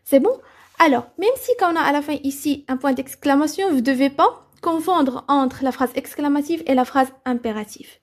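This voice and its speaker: A woman with a high, light voice leads a children's grammar lesson. She puts questions to the class, answers them herself and keeps checking that everyone has understood. Her tone stays patient and steady throughout. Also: moderate pace. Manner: repeats "c'est bon?" to check understanding. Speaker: teacher.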